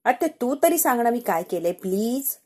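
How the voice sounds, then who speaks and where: A man's voice: extremely high pitch, sing-song, normal speed, warm tone, husky, exaggerated voice. A woman voicing a flustered, embarrassed adult man from a TV serial who keeps pleading to be told what happened. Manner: pleading, insistent questions.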